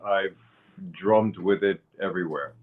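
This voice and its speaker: Cuban-born man, 60s, very deep and unhurried, halting fillers; thin phone-like audio. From Cuba. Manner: slow, halting, with many fillers and restarts. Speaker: guest, author and pagan high priest. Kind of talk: interview conversation.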